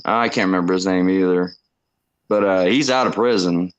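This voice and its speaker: Halting low-voiced man. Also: clear, resonant tone, highs cut off. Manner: halting, restarts, agreeing interjections. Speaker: co-host. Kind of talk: casual political chat.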